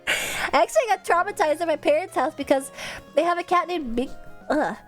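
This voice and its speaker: Over faint background music, a young woman streamer with a stuffed-up nose chats casually on her live stream, giggling as she reads messages from fans. Her voice is very high-pitched, animated, and fairly quick.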